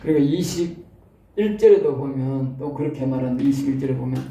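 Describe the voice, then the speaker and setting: A pastor with a Gyeongsang Korean accent preaches an expository sermon to theology students in a mid-range, fairly even, warm voice, moving briskly. He often checks in with "eh?" and poses rhetorical questions, recorded from a distance in an echoey room.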